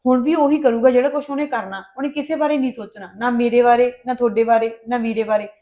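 A bitter, resolute young daughter, played by a woman, presses her mother in a family drama scene. Her voice sits a little high, and her words come out indignant and insistent. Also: fairly even intonation, fast, dark tone, close to an everyday voice. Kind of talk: Punjabi family drama dialogue.

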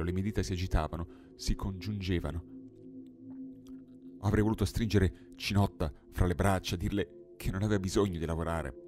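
A man narrating a 19th-century tale as an audiobook, in an impassioned, dramatic reading that swells in the dialogue. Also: deep voice. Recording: studio narration over singing bowl music.

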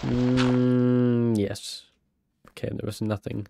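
A young man hosting a gaming channel rambles casually through gameplay commentary, his medium-pitched voice stuffy and nasal from a cold. He speaks slowly with vocal fry, chatty and loose but prone to sudden excited outbursts, over some background noise.

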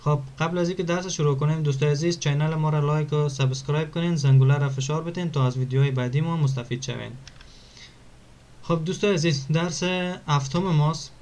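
A man teaching an online language lesson, repeating words slowly and clearly for pronunciation. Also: a little high, steady tone, darkish tone.

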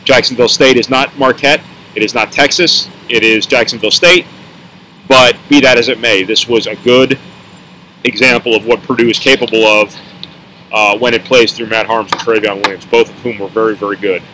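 A male sports reporter talks through a post-game breakdown in a bright, forceful voice. He rambles, corrects himself and drops dry asides while a mint sits in his mouth. A faint background hum runs under the recording. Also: medium pitch, steady tone, a little fast, low-quality recording. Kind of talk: post-game analysis monologue.

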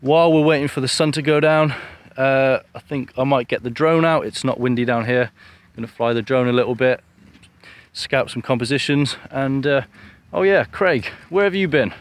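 A man's voice: medium pitch, moderate pace, no room sound. A man in his thirties vlogging to camera outdoors on a beach, talking casually and with some self-deprecation. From England. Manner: relaxed, chatty, self-deprecating. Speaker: photography vlogger. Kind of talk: casual vlog talk to camera. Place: open beach outdoors at sunset. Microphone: camera-mounted mic, held at arm's length. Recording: faint outdoor noise.

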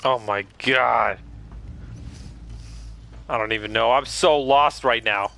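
A man's voice: medium pitch, takes it slowly, creaky, slight background noise. A man giving live commentary while streaming a horror game, chatting with viewers and breaking into startled exclamations. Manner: jumpy, exclaims loudly when startled.

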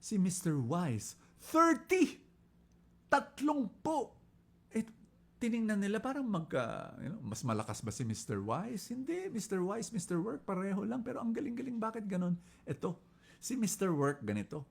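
A man with a Filipino accent delivering an inspirational message in a fairly high voice. He tells his stories with big leaps in pitch and sudden bursts of volume, and he drifts between Filipino and English. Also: normal speed, vocal fry, husky. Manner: animated storytelling with jumps in pitch and volume. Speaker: preacher. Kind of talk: inspirational talk.

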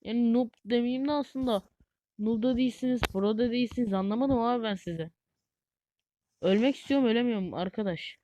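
A woman giving live gameplay commentary as a gaming YouTuber, excitable and easily frustrated, chatting to viewers like friends. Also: on the high side, fast, muffled recording.

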